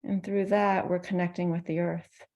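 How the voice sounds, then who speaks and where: In a lo-fi recording, a woman teaching meditation speaks at normal speed with little pitch movement. Her slightly low voice is mellow, soft at the edges, and notably creaky, and she pauses gently between soothing phrases.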